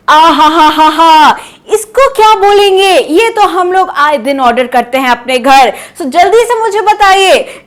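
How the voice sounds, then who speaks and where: A woman leads an online pronunciation lesson. She quizzes her viewers playfully and stretches out key words to stress them. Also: very high-pitched. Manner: lively and teasing, quizzes the viewers, drawn-out emphasis on words. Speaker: English teacher.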